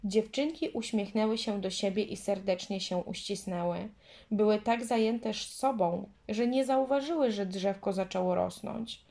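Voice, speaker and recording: A woman reads a children's story aloud in a gentle, measured manner. Her voice sits at an ordinary middle pitch. The delivery is calm, unhurried storytelling. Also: gravelly.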